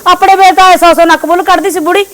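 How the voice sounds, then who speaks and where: A woman playing a quarrelsome daughter-in-law who refuses to keep the fast, with a Punjabi accent. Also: extremely high pitch, fairly even intonation, a bit bright. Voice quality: argumentative. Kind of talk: village family skit acting.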